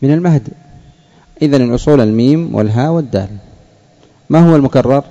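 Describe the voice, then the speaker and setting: A man, a sheikh, teaching a classroom lesson on word patterns, speaking slowly and deliberately, repeating key words and putting questions to his students. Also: medium pitch, warm tone. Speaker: sheikh teaching Arabic morphology. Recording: dull lo-fi lesson recording.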